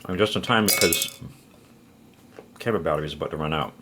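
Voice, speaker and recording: Guy with a really deep voice mumbling thru a food challenge, little bit of hiss behind. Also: fast talker, sharp tone. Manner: mumbling while chewing, groaning and sighing. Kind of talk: casual eating vlog.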